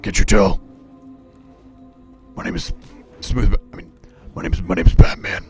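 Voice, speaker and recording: A man streaming a game puts on a disguised deep voice as a gruff male caped crusader, growling loudly and mock-seriously. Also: fairly even intonation, normal speed, faint music behind. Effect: disguised deep voice, claimed voice changer. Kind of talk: live game stream banter.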